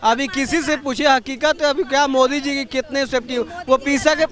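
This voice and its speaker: A man's voice: very high-pitched, fairly even intonation, moderate pace, a bit bright, some chatter behind. A man in a street interview, earnest and insistent. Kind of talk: street vox pop.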